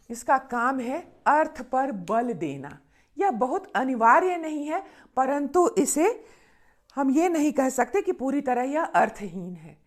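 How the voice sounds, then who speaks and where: Female grammar teacher, steady lesson delivery, slow stressed examples, frequent check-ins with learners. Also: high voice. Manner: reads example sentences slowly and with stress; often checks in with "ठीक है ना?". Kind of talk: classroom-style grammar lesson.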